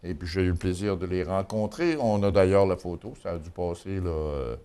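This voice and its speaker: A man's voice: low voice, a little fast, mellow, clean tone. A man with a Quebec French accent giving an informal local news chronicle in a folksy, colloquial way. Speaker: local news and gossip columnist.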